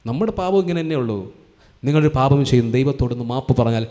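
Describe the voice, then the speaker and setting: Fast-talking mellow male preacher. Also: medium pitch, expressive. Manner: urgent pleading exhortation with repeated warnings. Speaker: pastor. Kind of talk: sermon.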